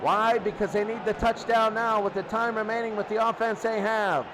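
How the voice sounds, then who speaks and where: This is excited live radio commentary on American football from a male play-by-play announcer with a high voice, steady tone, and normal speed. He speaks in short, clipped phrases and repeats his calls, with a loud crowd roar and heavy noise behind him.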